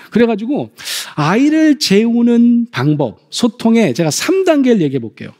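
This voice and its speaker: A middle-aged man giving a stage lecture to an audience, animated, acting out parents and children in quoted voices. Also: high voice, big-room sound.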